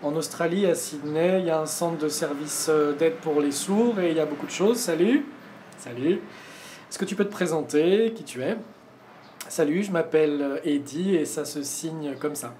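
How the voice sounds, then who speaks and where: Guy voicing sign language chat, mellow tone, halting, faint noise behind. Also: on the high side. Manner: hesitant, many pauses. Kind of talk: voice-over interpreting signed conversation.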